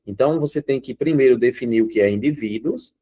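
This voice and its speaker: A man's voice: mid-range voice, fast, warm tone, husky. A man with a Brazilian accent teaching an online grammar class. He explains step by step and keeps checking in with his students. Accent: Brazilian Portuguese.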